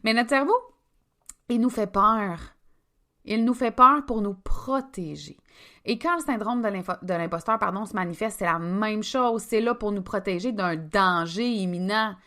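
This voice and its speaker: Bright-voiced Québécois woman podcaster. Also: mid-range voice, moderate pace. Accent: Québécois French. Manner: chatty, emphatic, addresses listeners directly. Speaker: podcast host, business coach. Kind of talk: casual podcast monologue.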